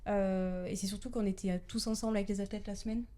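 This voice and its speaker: A woman's voice: medium pitch, fairly even intonation, fast talker, mellow. A young adult woman chatting casually on a podcast, speaking in loose, informal phrases with hesitations. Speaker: podcast guest, powerlifting coach and athlete.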